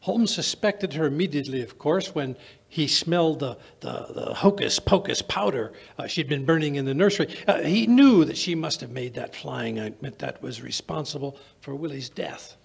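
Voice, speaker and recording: Man playing creaky, animated old Doctor Watson. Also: on the high side, full character voice. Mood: genial, explaining. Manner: halting, stammering delivery. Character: elderly chatty doctor storyteller, genial and halting. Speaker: radio play storyteller. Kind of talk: 1940s radio acting. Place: small indoor museum studio stage. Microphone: vintage-style stand microphone.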